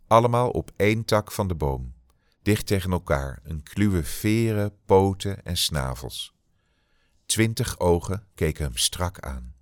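Deep-voiced man reading literary fiction. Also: dry recording, clean studio sound. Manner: measured, slowing for dramatic beats. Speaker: narrator.

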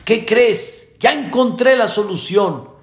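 A man's voice: sits high, takes it slowly, reverberant, pitched above the performer's own voice. A man, acting out a doctor in a sermon anecdote. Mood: cheerful. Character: male doctor, urgent and dramatic.

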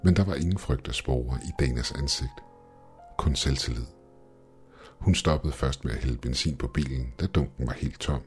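A man reading a first-person horror story in an even, measured storytelling voice. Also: very deep voice, soft background music. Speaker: narrator. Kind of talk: scripted horror narration.

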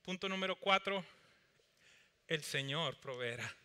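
A man preaching a sermon, animated, acting out Bible dialogue and little everyday skits. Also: a little high, a little slow, smooth. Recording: long reverb of a church hall.

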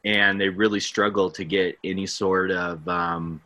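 A man's voice: deep voice, flat delivery, measured pace, bright, forceful tone, no echo. A man hosting a podcast interview, chatty and self-deprecating, laughing often. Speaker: podcast host. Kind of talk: casual interview.

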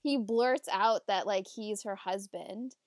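A woman's voice: medium pitch, slow pace, no room sound. A woman co-hosting a casual chat, making dry, teasing quips.

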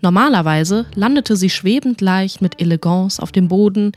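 Woman, audiobook narrator, playful fantasy storytelling, middle pitch, faint music behind. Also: moderate pace, darkish tone.

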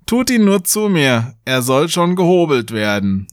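A man voicing a sly village sexton in a fairy tale, smug and a bit raised in pitch. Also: big pitch swings, unhurried, no echo, studio quality.

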